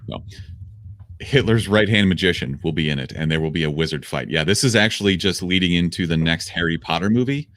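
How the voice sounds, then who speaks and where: A man's voice: deep voice, fairly quick, fairly bright tone, no echo, studio quality. A young adult man co-hosting a casual comedy podcast, riffing sarcastically with some profanity. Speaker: podcast co-host.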